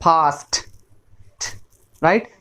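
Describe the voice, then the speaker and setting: A man's voice: extremely slow, a bit bright. A man with an Indian accent teaching an English lesson, drilling words by repeating them and often checking in with "right?". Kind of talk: bilingual classroom lesson.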